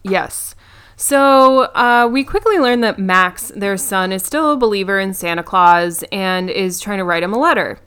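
A woman with a smooth, clear voice recaps a film's plot in a relaxed podcast chat. She is playful, jokes along the way, and leans on "um" and "like" as she goes. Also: mid-range voice, unhurried. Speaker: podcast co-host. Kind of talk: casual movie review chat.

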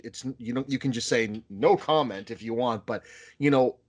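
A man in his thirties from the area talks as an interviewer in an easygoing, rambling way, filling his sentences with "you know" and "like" and restarting often. His voice sits at an ordinary middle pitch. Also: moderate pace. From Boston area. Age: 30s. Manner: rambling, many fillers and restarts. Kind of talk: casual conversational interview.

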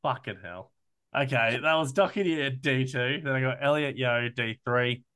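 An Australian man co-hosting a casual sports podcast, excitable and swearing freely as he talks through his team picks. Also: mid-range voice, normal speed, smooth. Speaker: podcast co-host.

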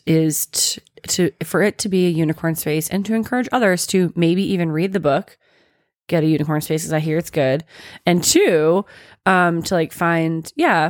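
A woman's voice: lowish voice, no room sound, clean studio sound. A woman in her thirties co-hosting a podcast in casual chat, teasing and laughing easily. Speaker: podcast co-host.

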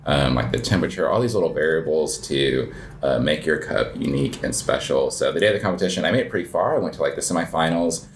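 An American man with a low voice, a coffee shop owner, answers casual interview questions as a guest. He talks quickly and rambles informally, dropping "like" all through his speech.

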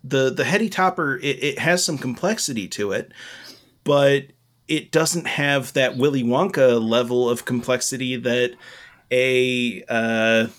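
A man co-hosting a casual podcast, giving opinions in a halting, meandering, loose and tipsy-sounding way. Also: mid-range voice, fairly bright tone. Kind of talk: casual rambling chat.

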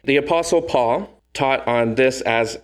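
A man's voice: mid-range voice, unhurried. A man preaching a sermon as pastor, earnest and conversational, often asking his listeners questions.

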